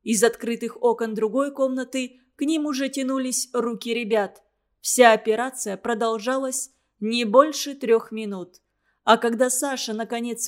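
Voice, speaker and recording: A woman reads a story aloud at a steady, even pace. Her voice is fairly high, and her delivery stays plain and unhurried. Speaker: narrator.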